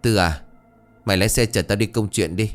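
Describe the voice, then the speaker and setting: Man doing a scolding old moneylender father, low voice, quick and curt, faint music behind. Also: natural voice. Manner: snapping, scolding.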